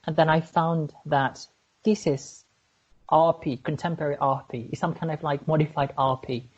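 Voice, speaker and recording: A woman's voice: low voice, fairly even intonation, normal speed, breathy edge. A woman with a contemporary RP-style British accent, co-hosting a casual chat and telling stories in a rambling way, full of "like"s. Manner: rambling, filler-heavy storytelling with many "like"s. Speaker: podcast co-host. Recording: dull lo-fi audio.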